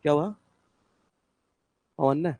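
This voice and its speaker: High-voiced man running a live class. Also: slow, gravelly, warm tone, dry recording. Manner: casual, chatty, checks with the class and the online viewers. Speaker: English teacher. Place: classroom campus with students. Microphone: classroom mic and speaker, streamed online.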